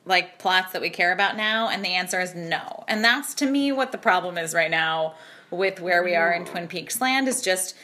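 A woman's voice: fairly low pitch, animated, normal speed, pushed and bright. A woman co-hosting a podcast, chatting casually and animatedly with plenty of "like". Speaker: podcast co-host. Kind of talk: casual chat.

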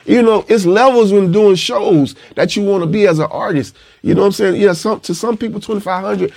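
Speaking fairly quickly with vocal fry, a rapper guest from Panama City, Florida, reflects in a laid-back manner during a casual interview. The man's voice is high-pitched with a darkish tone, and he leans on the phrase "you know what I'm saying."

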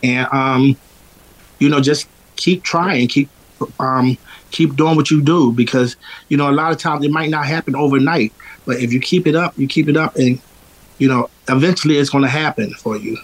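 This Philadelphia man, a singer who describes his voice as powerful, chats casually in an interview at normal speed and medium pitch. His strong voice comes through poor audio, and his talk rambles loosely with plenty of fillers and restarts.

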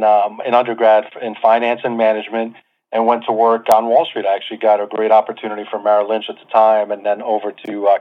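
A man in his forties, born in Lebanon, telling his life story as an interview guest in a chatty, self-deprecating way with many fillers. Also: lowish voice. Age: 40s. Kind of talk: casual interview talk. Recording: tinny phone-like line.

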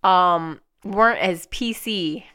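Bright, crisp-voiced chatty woman. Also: lowish voice, takes it slowly. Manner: chatty, animated, rising into excited emphasis. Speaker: podcast co-host. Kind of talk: casual chat.

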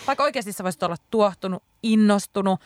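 A woman in casual chat who speaks loudly and bluntly and swears freely. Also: medium pitch, no echo, clean studio sound.

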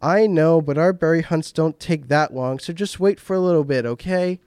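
A man voicing a six-year-old wolf-eared boy who gently scolds a friend in an upbeat way, in a storybook reading. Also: fairly high pitch, moderate pace, smooth, no room sound, studio quality, lightly acted. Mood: gently scolding.

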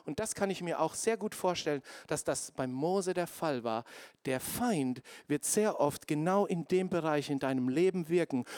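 Brief: male preacher, fairly high voice, dry close sound, direct and fervent sermon delivery. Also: a little mellow, no room sound. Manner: speaks directly to the congregation, building to emphatic fervor; drops in English church phrases.

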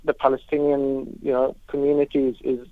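A man from Lebanon who works in humanitarian aid, answering interview questions in a halting way with many restarts and repeated words. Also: mid-range voice, flat delivery, dry recording. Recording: tinny phone line.

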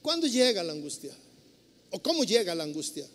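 Mexican preacher guy, really high voice, long echo off the church walls, tells everyday stories. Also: sing-song, fairly quick, fairly bright tone. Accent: Mexican Spanish. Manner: conversational storytelling, acting out everyday scenes. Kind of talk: sermon. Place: church sanctuary.

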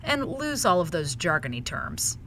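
A woman co-hosting a news podcast, moving between scripted reads and casual chat with an expressive delivery. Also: on the low side, moderate pace, a little hiss or hum. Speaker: podcast co-host.

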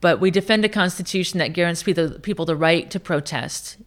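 A woman's voice: lowish voice, fast. A woman in her late fifties from Iowa, a senior military officer telling candid stories in an interview, often restarting her sentences. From Iowa, United States. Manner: candid, anecdotal, speaks in restarting bursts. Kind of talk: conversational interview.

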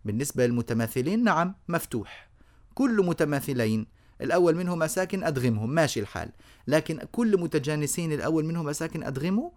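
A man teaching tajweed in a recorded lecture, asking the class questions, answering them himself and slowly repeating examples. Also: on the high side, lively intonation, darkish tone. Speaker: Quran recitation teacher.

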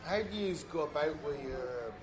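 A man's voice: fairly high pitch, lively intonation, moderate pace. Male interviewer over crowd chatter. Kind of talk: interview questions. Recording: crowd noise behind.

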